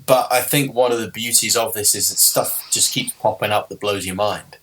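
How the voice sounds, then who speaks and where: Lower-voiced man telling jokey anecdotes. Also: moderate pace, slight background noise. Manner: storytelling, jokey, animated anecdotes. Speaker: guest. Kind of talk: casual interview chat.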